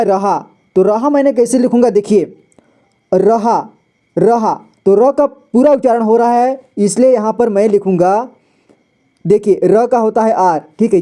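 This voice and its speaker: A man teaching a lesson, patient and repetitive, often slowing down to spell out sounds. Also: high voice, dark tone. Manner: patient, repeats "ठीक है" often. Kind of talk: explaining a lesson.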